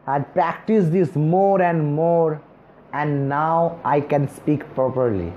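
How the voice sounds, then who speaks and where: A native Bengali speaker in his thirties, working as a speech coach, sits on a chair in a small indoor room and gives a self-help talk to camera, gesturing with both hands. His warm, fairly high voice comes slowly and earnestly, encouraging, with long pauses between words. A lapel mic captures it in a slightly dull recording with faint hiss.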